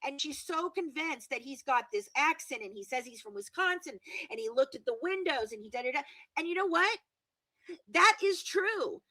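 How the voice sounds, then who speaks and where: A woman guest in a video-call interview, speaking emphatically, repeating words for stress and correcting herself quickly. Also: sits high, animated, bright, forceful tone, dry recording, poor audio. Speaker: guest true-crime commentator.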